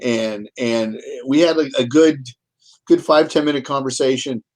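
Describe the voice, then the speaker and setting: A man's voice: medium pitch, unhurried, a little mellow. A man, an author and guest, telling stories in a casual chat, rambling with repeats and restarts. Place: home, Kansas City.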